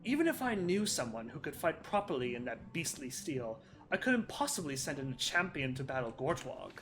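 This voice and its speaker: Man voicing a young nobleman, proud, frustrated, lively pitch, game-book reading. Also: a little fast, over music.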